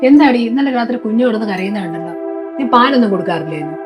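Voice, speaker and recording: A woman's voice: fairly high pitch, lively intonation, very fast, over music, close to an everyday voice. An actress in a short film drama, playing a scolding, domineering middle-aged mother-in-law. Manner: scolding, nagging.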